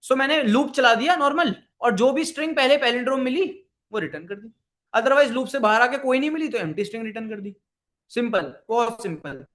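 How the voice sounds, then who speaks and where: A man with a fairly high-pitched voice runs a live online coding class. He mixes English programming terms into his Hindi. He repeats phrases and keeps quizzing his students. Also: expressive, fairly quick, a bit bright. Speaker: programming instructor.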